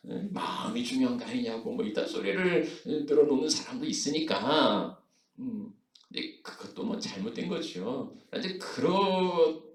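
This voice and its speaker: A man's voice: mid-range voice, roomy sound, distant mic. A man preaching a sermon as pastor, in a conversational way with frequent fillers and rhetorical questions. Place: church sanctuary.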